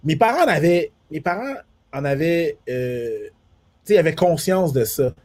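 A man's voice: on the high side, moderate pace. A man with a Quebec French accent touched by Haitian Creole, chatting casually, repeating himself and restarting as he talks. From Quebec, Montreal area. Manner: repeats words and restarts often, animated; switches into English accents when telling stories. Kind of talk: casual conversation.

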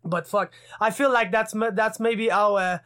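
Brief: male interviewer, higher pitched, casual and profane. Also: steady tone, normal speed, pushed and bright, clean tone. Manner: loose, profane, chatty.

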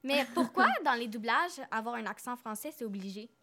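A woman's voice: fairly high pitch, expressive, fairly quick, crowd noise. A woman interviewing a guest, asking short, eager questions. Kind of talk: casual interview chat.

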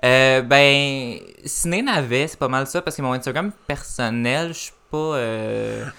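A man's voice: medium pitch, unhurried, creaky, pushed and bright, smooth. A young man with a Québécois French accent, a podcast guest chatting casually, hesitant and rambling, with English phrases mixed in. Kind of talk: casual chat.

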